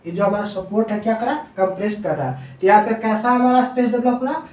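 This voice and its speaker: A man teaching engineering in a classroom lecture. He asks questions and answers them himself, drops lower on the answers, and slows down when dictating formulas. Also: darkish tone, recorded from a distance. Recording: echoey room, voice off-mic.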